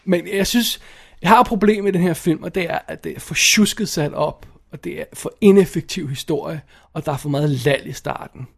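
A high-voiced, gravelly, slightly rough-sounding man co-hosts a film review podcast, ranting casually and with strong opinions. He is animated, swears and laughs often, and restarts his sentences many times.

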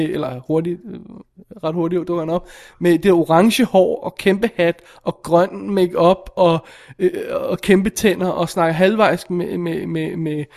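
Brief: male podcast host, high tenor, animated and exasperated film critic. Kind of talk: casual film review chat.

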